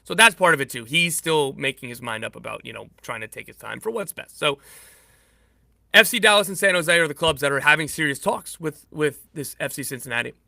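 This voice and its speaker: A man with a very bright, forward voice talks through the latest news in a quick, animated way, often doubling back to correct himself. The sound is close and dry, with no room around it. His pitch sits a little high for a man. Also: gravelly, dry recording. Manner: animated, self-correcting, jokey. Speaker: podcast co-host and insider. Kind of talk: casual sports chat.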